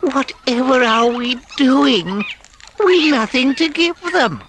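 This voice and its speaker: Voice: medium pitch, huge pitch swings, takes it slowly, a bit bright, pitched above the performer's own voice, heavily acted. A reader voicing a fretful little mole. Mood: despairing. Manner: plaintive, fretful. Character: timid, anxious male mole, homesick. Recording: noisy background hiss.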